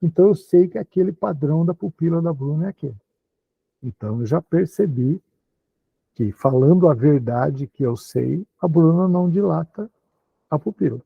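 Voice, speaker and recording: Brazilian male teacher, lively chatty lecture, raspy voice, phone-line audio. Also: moderate pace, dry recording. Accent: Brazilian Portuguese. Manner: chatty, animated, acts out dialogues with high put-on voices. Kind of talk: online class lecture. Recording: tinny phone-like call audio.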